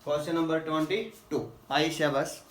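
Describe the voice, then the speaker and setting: Male teacher, high pitch, slow on English questions, echoey room with faint background hiss. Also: level tone, recorded from a distance. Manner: asks the class questions and answers them himself, calls students "beta"; reads English questions slowly, then explains in Hindi. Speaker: physics teacher. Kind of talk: classroom lesson, solving quiz questions. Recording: echoey room, voice a little off-mic.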